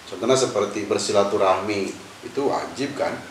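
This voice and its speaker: A man speaking as a preacher in a casual religious discussion, pausing often with fillers as he thinks aloud. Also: lowish voice. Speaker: Islamic preacher. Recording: echoey room, distant mic, faint hiss.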